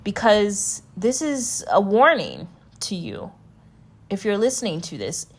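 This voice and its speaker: Woman coach talking real slow n earnest, leans on repeated words, personal vlog vibe. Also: medium pitch, huge pitch swings, husky. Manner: earnest, slow and emphatic, with pauses and repeated phrases. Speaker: spiritual coach.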